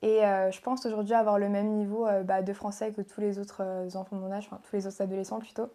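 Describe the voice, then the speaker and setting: A young woman from Portugal, a pageant contestant answering interview questions in a soft, hesitant way with many pauses and fillers. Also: medium pitch, level tone. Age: young adult. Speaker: guest, beauty pageant contestant.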